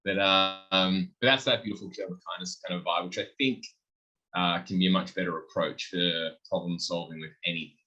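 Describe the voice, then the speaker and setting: A man's voice: low voice, a little fast, muffled recording. A young adult man, a guest on a podcast, talking casually and acting out bits of dialogue with animation. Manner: animated, acts out quoted dialogue. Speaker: podcast guest, beverage company founder. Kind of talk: casual conversational interview.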